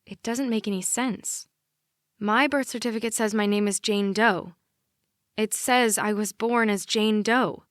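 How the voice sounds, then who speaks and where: A woman's voice: medium pitch, fairly even intonation, unhurried, no room sound, clean studio sound. Woman narrating an emotional audiobook. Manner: emotional, intimate storytelling. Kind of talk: first-person audiobook narration.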